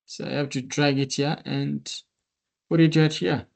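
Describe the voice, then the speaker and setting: A man's voice: fairly high pitch, flat delivery, a little slow, creaky. A male instructor on a video call, walking through a screen-share tutorial step by step in a methodical way. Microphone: computer mic on a meeting call.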